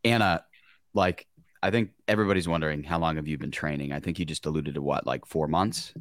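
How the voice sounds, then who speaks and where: Deep-voiced male interviewer, dry sound. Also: a little fast, no room sound. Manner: steady questioning with brief acknowledgments. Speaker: podcast co-host. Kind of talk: interview questions.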